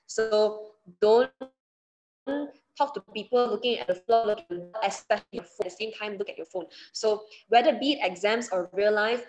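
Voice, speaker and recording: A woman's voice: mid-range voice, moderate pace, a little mellow, soft background music, low-quality recording. A woman teacher with a Malaysian English accent, teaching an online class in a chatty way and acting out short examples. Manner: chatty, explains with examples and acted asides.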